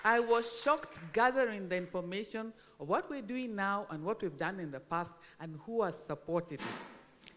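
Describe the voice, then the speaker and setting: A woman's voice: medium pitch, expressive, normal speed, a bit bright, a little hiss or hum. Kenyan woman in her sixties, missing front teeth. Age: 60s. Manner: candid, self-deprecating, emphatic. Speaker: agricultural research speaker. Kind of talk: informal speech at a launch event. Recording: long hall reverb on microphone.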